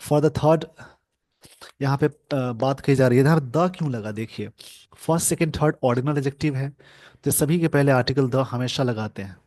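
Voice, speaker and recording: Man slowly explaining grammar. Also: mid-range voice, a little mellow, no echo. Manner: explains word by word, reads English phrases slowly. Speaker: English teacher. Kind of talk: newspaper editorial lesson.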